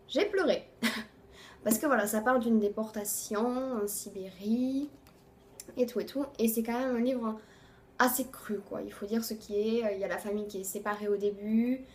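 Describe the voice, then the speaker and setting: A woman beauty vlogger casually reviewing her monthly favorites, chatty, filling pauses with "voilà" and often trailing off softly at the ends of phrases. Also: a little high.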